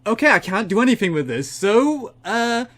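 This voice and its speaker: A man's voice: sits high, very animated, normal speed, a bit bright. A man running a comedy tabletop game as game master, laughing often and playful.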